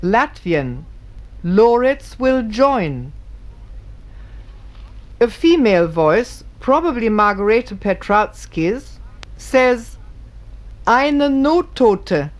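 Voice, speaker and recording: A woman's voice: medium pitch, very animated, extremely slow, long pauses, slight background noise. A woman giving formal, scripted narration, reading carefully and precisely.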